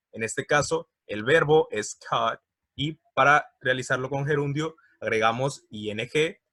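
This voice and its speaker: A man teaches an English grammar lesson from slides, explaining patiently, checking in often and slowly repeating words so learners can get the pronunciation. His voice is mid-range with a sharp tone, and there's no room sound.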